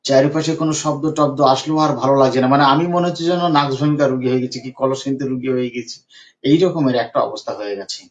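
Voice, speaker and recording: A man's voice: mid-range voice, steady tone, fast. Emphatic man retelling a case. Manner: emphatic, repeats phrases for stress. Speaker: homeopathic doctor. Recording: dull lo-fi recording.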